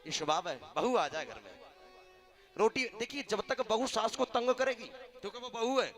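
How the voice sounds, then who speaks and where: Male devotional storyteller, high voice, bright tone, acts out characters, soft music behind. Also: animated, normal speed. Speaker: religious storyteller.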